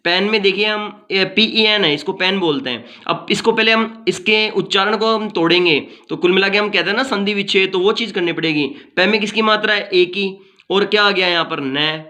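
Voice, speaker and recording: A man's voice: sits high, normal speed, sharp tone. A man teaching a phonetics lesson, explaining step by step, repeating words for practice and mixing in English phrases.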